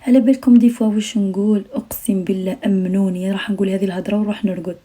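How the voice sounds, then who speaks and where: A woman's voice: medium pitch, steady tone, very fast, warm tone. A young Algerian woman talking earnestly to her viewers on a late-night live stream, repeating her phrases and sometimes dropping almost to a whisper.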